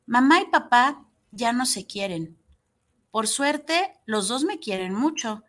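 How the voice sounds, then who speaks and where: A woman reading a storybook aloud as a little girl, in a soft, gentle storytelling voice. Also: on the high side, expressive, takes it slowly. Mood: wistful. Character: little girl Nina, sad but gentle child.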